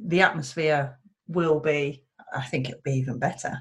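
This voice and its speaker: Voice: mid-range voice, steady tone, moderate pace. A podcast co-host asking questions in a teasing, easygoing way. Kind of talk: casual interview chat.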